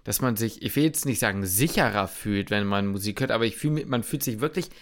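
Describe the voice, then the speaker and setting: A man's voice: on the low side, fairly quick. A young man in his twenties co-hosting a casual podcast, speaking loosely and hesitantly with frequent restarts. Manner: hesitant, loose and colloquial, stammers. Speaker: podcast co-host. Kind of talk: casual chat.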